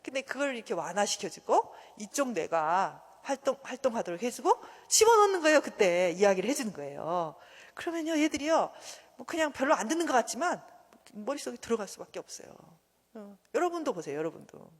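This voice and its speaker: An expressive woman lecturer with a husky, slightly breathy voice, her pitch leaping up and down as she teaches. She acts out little exchanges of dialogue for her listeners. A long reverb trails behind her, as in a big hall. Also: brisk. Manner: animated, acts out quoted dialogue. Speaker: seminar lecturer. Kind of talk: church seminar lecture.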